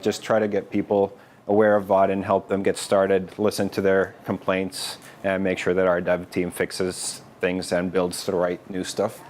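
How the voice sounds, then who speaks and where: A lower-pitched man from Finland talks a meetup audience through a developer presentation. His delivery is casual and loose, with plenty of "uh"s and restarts. A faint room hum sits behind him. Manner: relaxed, informal, with frequent fillers and restarts. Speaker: developer advocate giving a meetup talk. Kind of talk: conference tech presentation.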